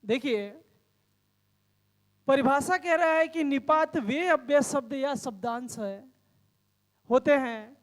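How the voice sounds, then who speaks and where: In a room with long, ringing reverb, a high-voiced male grammar teacher lectures step by step. He asks the class questions and then answers them himself.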